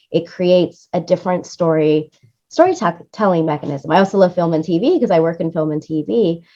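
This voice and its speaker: A woman with a lowish, mellow voice, recorded with lo-fi sound, talks about her creative work as an interview guest. A radio play producer and music supervisor, she is enthusiastic, effusive and conversational.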